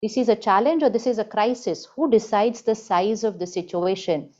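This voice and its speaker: A woman spiritual teacher giving an emphatic motivational talk, repeating key lines slowly. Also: mid-range voice, dark tone, highs cut off.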